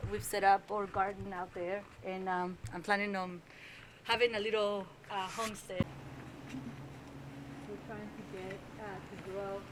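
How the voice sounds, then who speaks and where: A woman's voice: mid-range voice, noisy background. A woman in her forties from El Salvador, a native Spanish speaker, telling her story casually with many fillers and restarts as she walks through her house. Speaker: interviewee. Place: her house, walking from room to room. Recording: echoey room, faint ambience.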